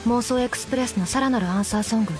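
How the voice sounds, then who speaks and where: Commentary figure: actress doing a flat emotionless undead doll girl, high voice, dry teasing. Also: very fast, soft background music, natural voice. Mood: deadpan. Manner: teasing, dry deadpan jokes. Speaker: commentary co-host. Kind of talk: in-character anime commentary.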